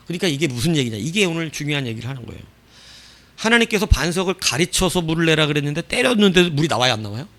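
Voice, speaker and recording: A man preaching a sermon as pastor. He asks the congregation questions and answers them himself, and his loud bursts fall away into quiet phrase endings. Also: on the high side.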